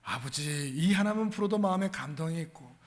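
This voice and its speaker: A man preaching a sermon as pastor, moving from quiet asides to loud, forceful emphasis. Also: on the high side, expressive, a little fast, long reverb tail.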